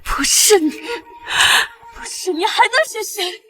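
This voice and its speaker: A shrill, volatile pregnant concubine. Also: female voice, fairly bright tone, dry recording. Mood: grieving. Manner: shrill, pleading, quick to hysteria. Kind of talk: period costume drama acting.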